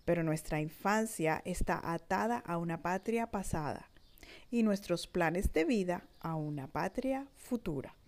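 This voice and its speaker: A woman narrating a scripted, reflective text in a measured, thoughtful way. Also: on the low side, animated. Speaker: narrator reading her own reflective text.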